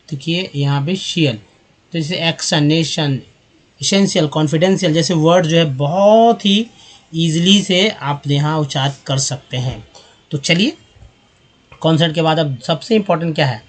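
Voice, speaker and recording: A man teaching English reading from slides, patiently repeating and drilling each sound for viewers he calls friends. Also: a little high. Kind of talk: slide-based lesson.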